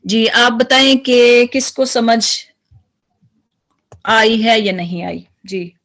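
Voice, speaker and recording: A woman's voice: fairly high pitch, fairly even intonation, very slow, a bit bright. A woman teaching Quran recitation in an online lesson, repeating letter sounds over and over as drills.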